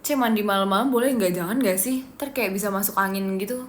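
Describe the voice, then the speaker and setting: A woman's voice: medium pitch, fast. A young Indonesian woman hosting a casual livestream, reading viewer comments and answering in a playful, teasing way, with bits of English mixed in. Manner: playful, teasing, giggly, drops in English phrases. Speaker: idol livestream host. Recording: echoey room with faint noise.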